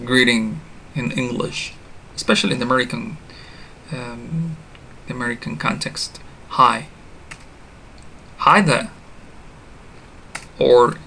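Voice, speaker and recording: A man teaching a beginner English lesson online. He repeats each example phrase for learners to copy and stops to correct himself with a quick "sorry". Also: medium pitch, creaky, pushed and bright, a little hiss or hum.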